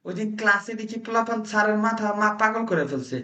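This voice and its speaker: A man teaching Italian in an online group lesson, slowly explaining and repeating phrases for drills. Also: sits high, animated, crowd noise.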